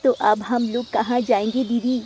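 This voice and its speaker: A woman doing a gentle little boy sparrow. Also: fairly high pitch, steady tone, normal speed, slight background noise, natural voice. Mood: caring. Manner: apologetic, caring.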